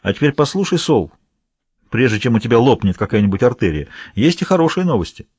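A man's voice: medium pitch, very animated, quick pace, a little mellow, breathy edge, dry recording. A man voicing a tense male criminal accomplice in an audiobook, blunt and clipped.

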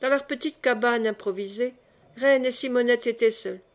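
A woman reading a classic novel aloud in measured, expressive narration. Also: a little high. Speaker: audiobook reader. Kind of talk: scripted narration.

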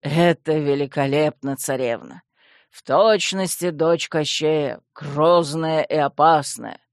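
A woman voicing a fawning, solemn male skeleton servant, in a lowered, slow voice for an audiobook. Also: fairly even intonation, no room sound, studio quality.

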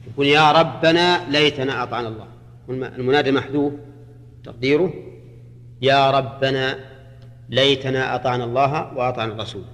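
A man from Arabia, a religious scholar teaching a class on Quranic grammar in measured explanations, often checking his listeners with a quick question. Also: medium pitch, fairly bright tone. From Saudi Arabia. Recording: reverberant hall recording.

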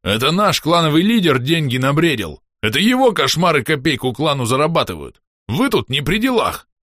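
A man voicing a greedy shouting half-orc. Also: a little high, wildly swooping pitch, normal speed, dry recording, clean studio sound, pitched above the performer's own voice. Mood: excited. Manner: shouting, exclamatory, gleeful haggling. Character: greedy gleeful half-orc treasurer, loud and excitable.

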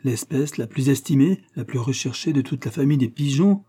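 A man voicing a bitter, hot-tempered nobleman in an audiobook, speaking in vehement, indignant outbursts with a husky, dark voice. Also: mid-range voice, animated, fairly quick, pitched above the performer's own voice. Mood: aghast. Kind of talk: audiobook character reading.

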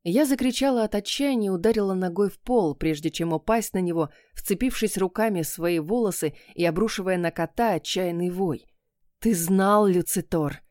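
A woman giving a steady, expressive first-person narration of a fantasy audiobook. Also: fairly low pitch, brisk, hardly any pauses, dry recording, studio quality.

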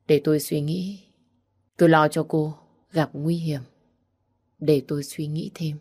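A caring young benefactor who teases softly and talks calmly, as a woman reading a storybook puts him on. The voice sits low and even, with an unhurried storybook pace. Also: slightly rough, heavily acted. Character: young man, caring benefactor, gently teasing. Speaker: audiobook reader.

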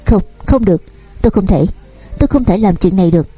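A tormented, disfigured young man who protests and begs in anguish. The voice is dark and husky, recorded close and dry, read by a woman storyteller. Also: medium pitch, lively intonation, fast, no room sound, faint music behind. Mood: protesting. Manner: anguished, pleading.

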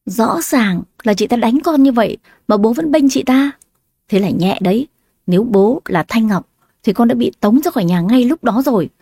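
Lady narrator doing a whiny scheming young woman, voice goes high and shrill. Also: animated, normal speed, warm tone, no room sound, studio quality. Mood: indignant. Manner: whining, shrill when pleading.

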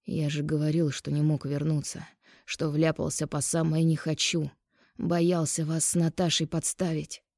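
A woman reading an audiobook, voicing a remorseful middle-aged ex-husband who speaks low, quiet and slow. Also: level tone, dry recording, clean studio sound. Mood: pleading.

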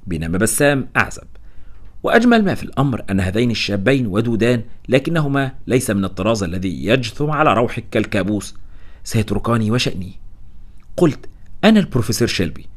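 A man narrating a novel as an audiobook, telling it in a wry, storytelling way. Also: lowish voice.

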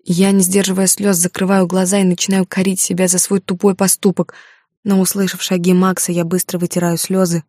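A woman narrating a romance novel in the first person, in soft, even storytelling. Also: lowish voice, dry recording, clean studio sound.

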